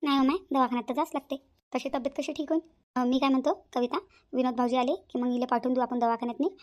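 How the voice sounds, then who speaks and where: A woman voicing a calm, bossy elder sister-in-law, speaking in a soothing but firm way. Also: high voice, racing, dull audio, lightly acted.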